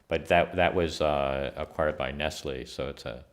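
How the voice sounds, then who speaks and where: A middle-aged man with a low, deep voice answers interview questions as a scientist guest. He talks in a measured, explanatory way and often restarts his phrases. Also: fairly even intonation. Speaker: guest scientist and company founder.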